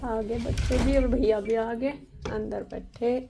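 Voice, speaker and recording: A woman's voice: a little high, steady tone, a little slow, creaky, background noise. A woman, a mother chatting and teasing her kids while serving food at home for a vlog. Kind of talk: casual home vlog chat. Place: family home kitchen.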